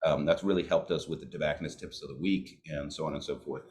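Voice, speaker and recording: Deep-voiced guy hosting a cigar podcast, laid back, swears a bit. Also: fairly even intonation, fast, a little mellow. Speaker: podcast co-host. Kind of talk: casual chat.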